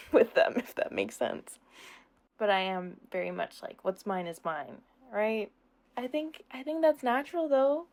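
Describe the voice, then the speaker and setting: A young adult woman, a content creator, answers subscriber questions in a casual Q&A chat. Her voice is mid-range with a darkish tone, and she talks in an informal, rambling way, giggling often.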